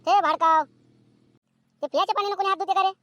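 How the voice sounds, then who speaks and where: A woman voicing a sharp-tongued, nagging village mother in a cartoon comedy. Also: extremely high pitch, no room sound. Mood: scolding. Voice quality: nagging, scolding, rapid-fire.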